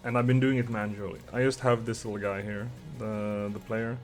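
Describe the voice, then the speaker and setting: A man's voice: on the low side, little pitch movement, fairly quick, faint music behind. A young man from Sweden with a Swedish accent, chatting casually with viewers and muttering to himself while he codes a game on a live stream.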